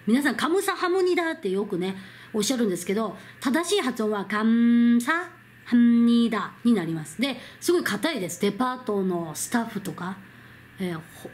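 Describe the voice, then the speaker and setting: A Korean woman teaching Hangul to learners in Japanese, repeating each sound slowly and drawing it out. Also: medium pitch, a little mellow, slight background noise. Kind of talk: slow, careful pronunciation lesson.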